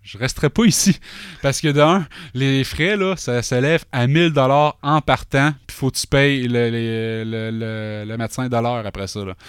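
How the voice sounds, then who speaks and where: A man's voice: medium pitch, normal speed, few pauses, smooth, dry recording, clean studio sound. A middle-aged man with a Québécois French accent, telling a long anecdote in casual chat, full of fillers and asides.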